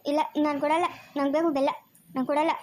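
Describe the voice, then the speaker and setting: A woman's voice: high voice, level tone, quick pace, darkish tone, close to an everyday voice. A woman doing a sobbing little boy. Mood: stubborn. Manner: whiny, sobbing, name-calling. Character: small crying boy begging for jaggery.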